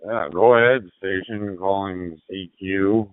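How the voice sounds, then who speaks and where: Man, radio operator, relaxed and reassuring, heard through a fading, tinny radio transmission. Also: low-pitched, slow, clear, resonant tone, no room sound. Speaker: radio operator answering a call. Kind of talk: casual radio chat.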